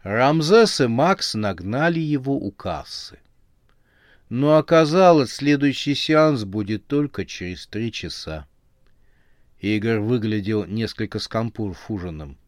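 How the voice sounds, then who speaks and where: A man's voice: medium pitch, expressive, a little slow, no room sound, clean studio sound. Man reading a horror novel aloud. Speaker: narrator. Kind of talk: audiobook narration.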